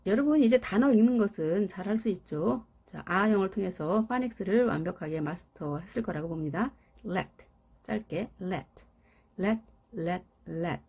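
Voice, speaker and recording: Woman teacher, mellow voice, slightly husky, repeats words in patient drills. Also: medium pitch, lively intonation, moderate pace. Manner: explains meanings patiently with everyday examples. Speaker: English teacher. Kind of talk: scripted lesson on verbs.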